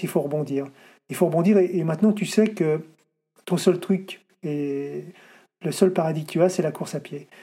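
A middle-aged man talks fast as an interview guest, his voice husky and dark. He stumbles through fillers and restarts, circling back to finish his thoughts. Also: a little high. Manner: hesitant, many fillers and restarts. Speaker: ultra-distance runner guest. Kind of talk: interview answers.

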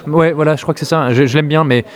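A man's voice: a little high, steady tone, fast talker. A man from France talking casually about a film, hesitant, with many fillers and restarts. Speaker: film critic.

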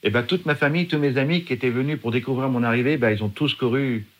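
Fast, vivid male storyteller. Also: mid-range voice. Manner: vivid, emphatic, acts out shouted quotes. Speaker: guest telling his story. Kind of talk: dramatic personal storytelling.

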